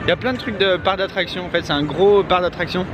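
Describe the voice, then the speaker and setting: A young adult man vlogs his travels on a city street, holding the camera at arm's length and rambling casually with many hesitations. His voice sits high and moves fast, with music over it and street and traffic noise behind.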